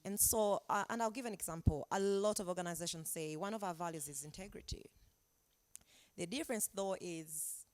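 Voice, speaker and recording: A woman's voice: on the low side, brisk, darkish tone, no room sound. A woman from Uganda, an anthropologist speaking as a guest on a webinar panel, explaining her points reflectively with examples over a video call. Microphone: video call mic.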